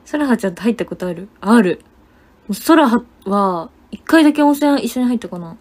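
Bubbly high-voiced young woman chatting. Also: fairly quick. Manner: animated storytelling with frequent laughs; chatty, many fillers and gesturing words. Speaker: idol livestreamer. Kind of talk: casual livestream chat.

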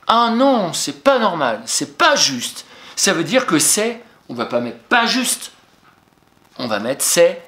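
This male teacher's voice is a little high and fairly bright. Recorded in an echoey room, he patiently reviews a young pupil's exercise answers, addressing them directly and spelling words letter by letter.

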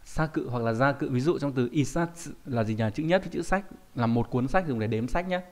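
A man's voice: medium pitch, a little fast, darkish tone. Male kanji teacher, explanatory online-lesson delivery with frequent check-in questions.

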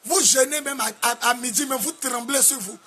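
A man from Côte d'Ivoire with an Ivorian French accent, preaching a sermon in a sing-song cadence with sudden shouts. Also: very high-pitched, moderate pace, breathy edge, faint music behind. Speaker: apostle preacher.

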